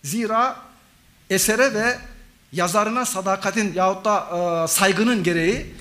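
At a measured pace, a middle-aged professor gives an academic conference talk in a conference hall, his voice high, pushed and bright. He lectures, lists examples and synonyms, and speaks to the audience as friends.

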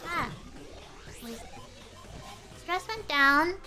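A woman's voice: sits high, animated, very slow, over music. A young woman streaming a game in a casual, rambling way, often reading the game's lines aloud in a doting voice. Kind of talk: casual live game commentary.

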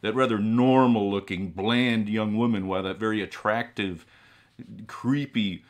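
Guy doing a droll ghoul horror host, lowish voice, hammy and unhurried, talking to viewers. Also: fairly even intonation, lightly acted. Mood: theatrically solemn. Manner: horror host: theatrical, drawn-out, droll delivery. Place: small indoor room with collectible shelves.

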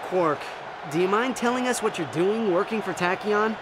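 Ratchet, an earnest young alien hero. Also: male voice, sits high, animated, normal speed, noisy background. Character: young male furry alien mechanic hero. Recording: game cutscene with loud music.

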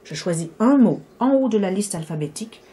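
A woman reading the part of a calm man obsessed with the letter Y, patient and quizzing. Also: medium pitch, brisk, close to an everyday voice.

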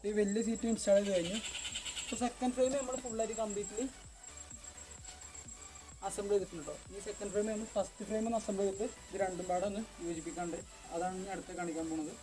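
Standing among banana trees in a garden yard, a young man talks fast in a high, steady voice as he shows how to assemble a home workout bench. This fitness vlogger's casual how-to is captured by a distant tripod-mounted camera, with music underneath and poor sound quality.

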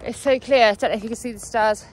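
A woman's voice: fairly high pitch, steady tone, fast, a little hiss or hum. Breathless woman vlogging a run. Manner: chatty, rambling with fillers. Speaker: running vlogger. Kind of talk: casual vlog while running. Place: outdoors, cold night.

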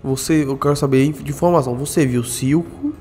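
A man, doing animated game roleplay full of slang and tough-guy banter. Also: medium pitch, fairly quick. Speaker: gamer doing roleplay as a gorilla's son. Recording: reverberant with faint background music.

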